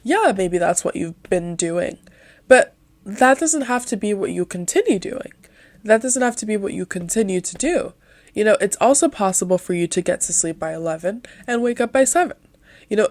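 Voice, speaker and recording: A young woman with a cold, hosting a solo podcast in a nasal, softened voice, talking in an encouraging, rambling way with many "you know"s. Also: fairly low pitch, gravelly, no room sound. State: sick, nasal voice. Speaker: podcast host.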